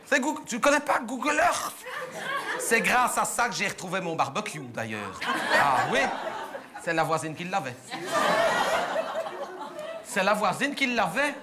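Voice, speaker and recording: A man's high voice swings widely in pitch at a measured pace, with long pauses, over a noisy crowd. With a Belgian French accent, he plays a naive, gossipy middle-aged housewife in a stand-up monologue on a theatre stage before a live audience. His storytelling is chatty, indignant and breathless.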